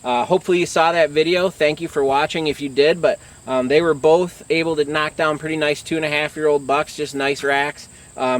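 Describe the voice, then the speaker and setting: A man's voice: on the high side, echoey room, far from the mic, a little hiss or hum, poor audio. A middle-aged American man talking casually to camera as a hunting vlog host, conversational and matter-of-fact.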